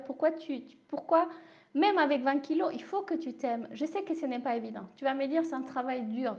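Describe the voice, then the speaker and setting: A woman with a high voice and a slight accent gives a live coaching talk. She reassures her listeners and answers them by name, often asking if they follow. The sound is a little dull and lo-fi. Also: darkish tone. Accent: non-native French accent. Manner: reassuring, repeats "d'accord?", addresses viewers by name. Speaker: life coach and shamanism speaker. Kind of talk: live online talk answering viewer questions.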